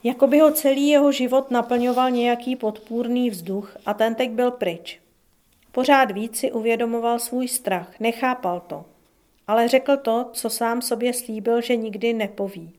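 A woman reading a novel aloud as an audiobook narrator. Her delivery is calm and measured, in a fairly high voice.

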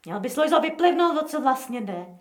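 A woman's voice: sits high, very animated, echoey room, pitched above the performer's own voice. A woman voicing an older male gang elder who talks bluntly and insistently in colloquial speech in a storybook reading. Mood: demanding.

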